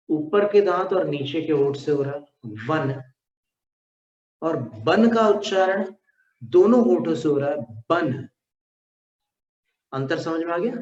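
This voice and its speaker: Man as a patient language teacher, slow, raised pitch, demonstrates each sound aloud, echoey dull recording. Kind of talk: slow explanatory lesson.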